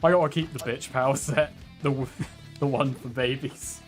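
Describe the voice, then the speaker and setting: A man's voice: medium pitch, steady tone, moderate pace, faint music behind. A man streaming a video game, chatting casually, laughing often and swearing in playful exasperation.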